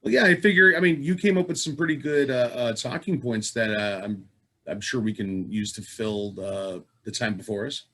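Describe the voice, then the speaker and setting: A man's voice: medium pitch, normal speed, a bit bright. A middle-aged man hosting a casual podcast, talking in a wry, playful and rambling way. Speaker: podcast host.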